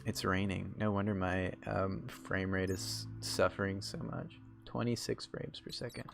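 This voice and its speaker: A man's voice: low voice, level tone, unhurried, gravelly, faint music behind. A young man streaming a game, chatting casually in a rambling way full of fillers and restarts. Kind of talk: casual chat while gaming.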